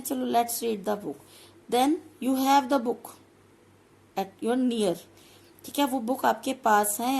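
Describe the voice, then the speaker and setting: Slow, gravelly-voiced woman teacher. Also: on the high side, a little mellow. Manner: explains step by step, slows down sharply for English phrases. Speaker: English grammar teacher. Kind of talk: classroom-style lesson.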